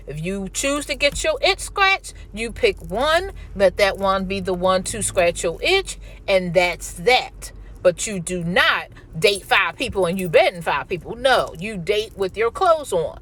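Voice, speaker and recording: A woman's voice: mid-range voice, fairly bright tone. A woman with an American accent chatting casually and candidly, telling personal stories and giving emphatic relationship advice straight to her listeners. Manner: conversational, emphatic, addressing listeners directly.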